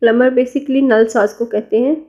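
High-voiced woman teaching vocabulary. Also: fairly even intonation, moderate pace, mellow. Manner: patient question-and-answer drilling. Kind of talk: vocabulary lesson.

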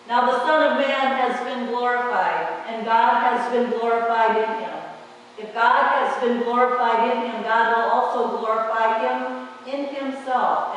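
Slow-reading woman in an echoey church. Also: fairly high pitch, slight background noise. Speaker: pastor. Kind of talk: reading scripture in a worship service. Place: church sanctuary, large, indoors. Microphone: far camera at the back of the church. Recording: echoey church hall from far off.

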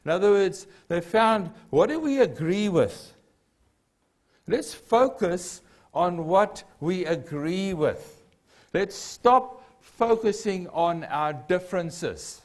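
Preaching in a church hall with a cross and a lectern, the older pastor speaks slowly in an expressive voice that sits high. He comes from South Africa, is a native Afrikaans speaker with a South African accent, and emphasizes his message earnestly while repeating key phrases.

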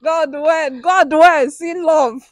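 A woman's voice: high-pitched, slow, no room sound. A young Nigerian woman hosting a street prank, laughing often and crying out to God in Pidgin asides. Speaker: prank show host. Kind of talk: excited street prank chat.

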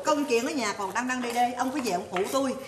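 A woman with a Southern Vietnamese accent playing a jealous, bossy wife who rants and stammers loudly in a comedy sketch. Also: on the high side, fast talker, echoey room, very noisy, close to an everyday voice. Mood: scolding. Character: hot-tempered jealous wife, loud and bossy.

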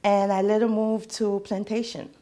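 A woman from Haiti, a radio producer in her thirties, speaks as a guest on a studio TV interview. She talks in an earnest, measured way and laughs easily. She is recorded on a lapel mic in an indoor studio. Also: mid-range voice, level tone, mellow.

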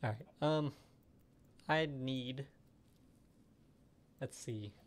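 A man gives casual gaming commentary on a live stream, chatty and thinking aloud as he plays. His voice sits at an everyday pitch for a man. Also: very slow, slight background noise.

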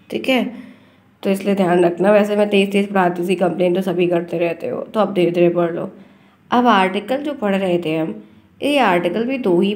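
A woman teacher giving an online grammar lesson, speaking slowly and deliberately because a dry cough leaves her short of breath. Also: medium pitch, gravelly, darkish tone.

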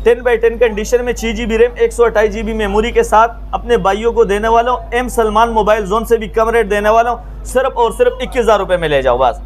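High-pitched, eager Pakistani phone salesman. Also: brisk, few pauses, a little hiss or hum. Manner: eager, repetitive salesman patter. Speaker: mobile phone shop seller. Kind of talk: promotional sales pitch to camera. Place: small open-fronted mobile phone shop stall.

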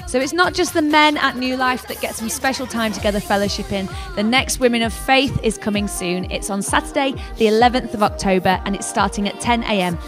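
A woman's voice: fairly high pitch, brisk, hardly any pauses. Upbeat young woman with handheld mic. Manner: upbeat, inviting. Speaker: church news presenter. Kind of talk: scripted church announcements. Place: church café, indoors. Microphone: handheld microphone. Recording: music bed behind voice.

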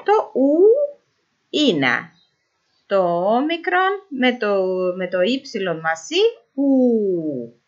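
A woman giving an informal pronunciation lesson who sounds out vowels slowly and repeats them. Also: fairly high pitch, big pitch swings. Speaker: language teacher. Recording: dull lo-fi recording.

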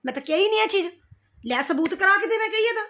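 Woman, middle-aged, high voice, rapid scolding rant. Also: expressive, fairly bright tone. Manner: scolding, confrontational, repeats herself. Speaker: vlogger replying to roasters. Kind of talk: heated direct-to-camera rant.

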